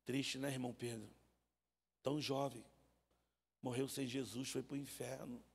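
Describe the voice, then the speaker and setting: A man voicing a devout older churchwoman who speaks softly and with pity. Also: medium pitch, steady tone, unhurried, gravelly, breathy edge, voice pushed down. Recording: reverberant church hall.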